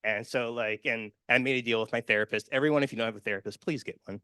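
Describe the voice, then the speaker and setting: A man's voice: medium pitch, fairly even intonation, quick pace, pushed and bright, smooth, no echo. A man giving a personal, earnest conference presentation with slides, full of fillers and restarts. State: emotional, near tears. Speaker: conference speaker.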